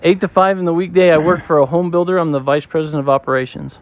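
A chatty man answers easily in a casual interview, mixing in little jokes. His voice runs a bit higher than most men's. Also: fairly even intonation, quick pace, highs cut off, slight background noise. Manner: joking, chatty. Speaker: interview guest. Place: campground outdoors.

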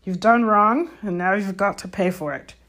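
Storybook gamekeeper, acted by a woman: big gruff man, colloquial and bossy, raised pitch, fierce with a caring streak. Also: normal speed, close to an everyday voice. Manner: rustic, colloquial, commanding. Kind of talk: audiobook character voice.

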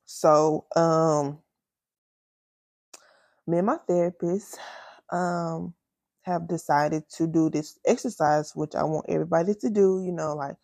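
A woman in her twenties hosting her podcast, talking candidly and emotionally in casual slang, close to tears and pausing often. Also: low voice, steady tone, creaky, a little mellow, no room sound. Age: 20s. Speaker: podcast host. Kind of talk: personal casual chat.

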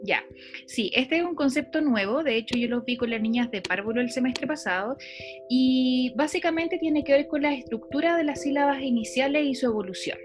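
A woman's voice: sits high, moderate pace, over music. A woman teaching a lesson, explaining step by step and quizzing a student with questions. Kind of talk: lecture on phonology.

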